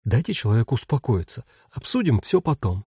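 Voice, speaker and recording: A man's voice: medium pitch, sing-song, a little fast, dark tone, breathy edge, no room sound, clean studio sound, full character voice. A man voicing a composed mother who talks in a firm, commanding way. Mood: stern. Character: stern, composed mother of three, woman.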